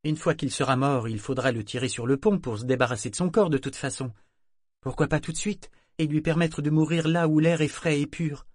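A gaunt young man in rags argues gently but will not back down, his voice lifted and urgent, as a male narrator puts him on. The sound is dry and close. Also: on the high side, fairly quick, no room sound, pitched above the performer's own voice, lightly acted. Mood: earnest. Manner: soft but insistent.

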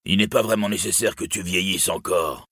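A man's voice: low-pitched, normal speed, a bit bright, slightly rough, exaggerated voice. A man voicing a wounded, bloodthirsty male outlaw who speaks in a harsh, mocking, menacing way.

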